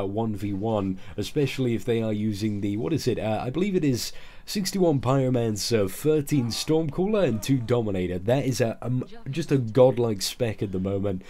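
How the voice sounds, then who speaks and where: Groggy, mellow man doing game commentary. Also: mid-range voice. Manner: explanatory, informal. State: ill, groggy. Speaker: gaming video creator.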